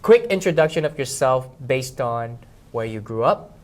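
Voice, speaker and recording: A man's voice: mid-range voice, expressive, normal speed. A man hosting an interview show, opening with an upbeat greeting and asking his guest questions. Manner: upbeat, promo-style greeting. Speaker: show host. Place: office meeting room.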